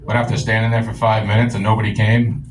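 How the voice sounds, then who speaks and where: A young man from the rural US doing a stand-up set in a comedy club, telling crude stories with a deadpan delivery. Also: on the low side, fast, crowd noise, poor audio. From rural United States.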